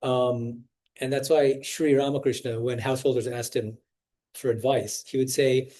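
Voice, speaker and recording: His medium-pitched voice is dark, fairly even in intonation and moderately paced. He's a swami in his forties from the United States, chatting informally with students about spiritual matters, often restarting phrases and quizzing them.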